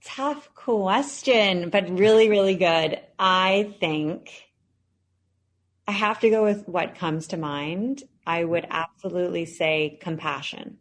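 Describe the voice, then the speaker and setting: A woman in her thirties, a founder appearing as a podcast guest, answers interview questions earnestly and reflectively with frequent fillers. Her voice is lowish and her pace is slow.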